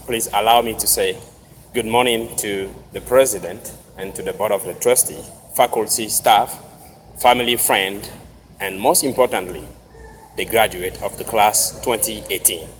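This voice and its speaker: A man's voice: fairly low pitch, a bit bright. Togolese-accented man addressing a reverberant hall. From Togo. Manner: deliberate, in short separated phrases. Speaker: commencement speaker. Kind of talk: formal speech with personal storytelling. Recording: noisy, reverberant large hall ambience.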